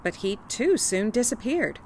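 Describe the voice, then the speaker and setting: Expressive woman reading a folktale. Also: a little high, measured pace, a little hiss or hum. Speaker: storyteller. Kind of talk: folktale read-aloud narration.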